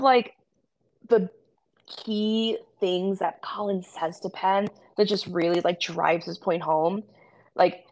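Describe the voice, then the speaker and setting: A woman's voice: medium pitch, low-quality recording. A woman co-hosting a podcast, chatting casually with lots of fillers and giggles, rambling a little. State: high. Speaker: podcast co-host. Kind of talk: casual chat.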